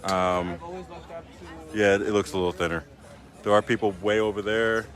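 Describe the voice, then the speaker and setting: A man's voice: on the low side, fairly even intonation, normal speed, a bit bright. Rambling, joking male streamer. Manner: rambling, joking, lots of fillers. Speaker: livestreamer. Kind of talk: casual live-stream chat. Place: outdoors on a city street at night.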